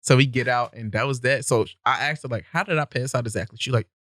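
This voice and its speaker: A man's voice: mid-range voice, fast, bright, forceful tone, no echo, studio quality. Laid-back young man telling a story. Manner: laid-back, laughs often, talks loosely with many "like"s. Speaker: podcast guest. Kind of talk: casual storytelling. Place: podcast studio.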